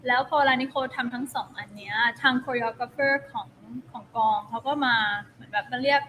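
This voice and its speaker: A woman's voice: on the high side, normal speed, a bit bright, a little hiss or hum, rough recording. A woman from the United States, a pageant contestant as interview guest, slipping English phrases into her talk. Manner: mixes Thai with English phrases. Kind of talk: casual chat interview.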